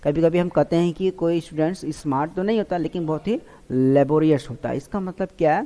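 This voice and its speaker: A man's voice: a little high, mellow. A man teaching a vocabulary lesson for exam preparation. He asks himself questions aloud and repeats each answer. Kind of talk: online exam-prep lesson. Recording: long hall-like reverb.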